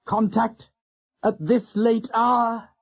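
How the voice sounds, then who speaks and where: A man voicing an exhausted male naval commander who shouts with emotion. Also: high-pitched, very animated, a little slow, slightly rough, voice pushed up, exaggerated voice. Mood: anxious, fierce. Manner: shouting, exultant then anxious. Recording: dull lo-fi audio.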